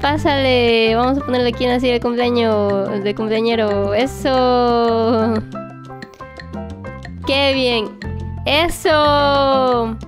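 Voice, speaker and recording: A young woman narrating her doll play in a lively, exclamatory way, talking to the toys like a babysitter. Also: fairly high pitch, takes it slowly, pauses often, music in the background. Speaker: toy play vlogger.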